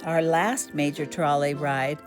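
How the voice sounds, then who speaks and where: A woman's voice: sits low, fairly even intonation, a little slow. Older woman narrating a travel vlog. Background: guitar music.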